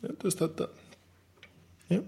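A mellow, unhurried man entertains an audience of men with a humorous, conversational talk on marriage. He acts out daily scenarios and sprinkles his lines with constant tag questions.

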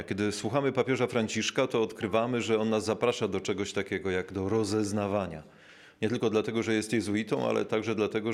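A man with a fairly low voice preaches a reflective sermon at a measured, unhurried pace. He slows to stress key words and pauses with small filler sounds while searching for his thought.

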